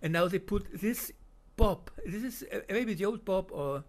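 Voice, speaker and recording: With a high, expressive voice, a German-accented man narrates video footage without a script, hesitating frequently and restarting his sentences amid many fillers.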